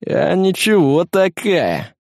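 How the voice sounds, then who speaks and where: A man doing a brash loud space marine. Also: sits high, very animated, takes it slowly, no echo, studio quality, voice pushed up, full character voice. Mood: joking. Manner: gruff, barking, crude. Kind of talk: audiobook character voice.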